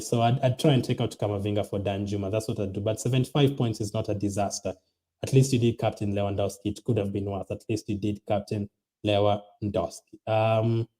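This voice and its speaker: Reading out viewer comments on his casual fantasy football livestream, this tired young man rambles late into the night with many ums and restarts. He has a mellow, mid-range voice.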